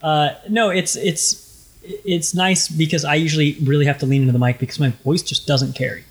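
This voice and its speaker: A young man with a light tenor voice co-hosts a podcast, chatting casually and rambling with many fillers. His voice is a little high, steady in tone and fairly quick.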